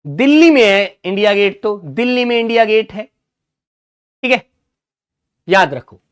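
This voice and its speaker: A man's voice: high-pitched, expressive, a little slow, clean tone. A man teaching Hindi grammar in an online exam-prep class, who asks his students questions, answers them himself, and calls them son and brother.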